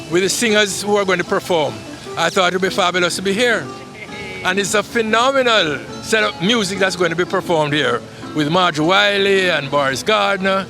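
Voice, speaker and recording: A man with a fairly high voice, speaking with emphatic enthusiasm. Music plays clearly behind him. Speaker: concertgoer interviewed. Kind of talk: vox-pop interview. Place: outdoor concert in a garden.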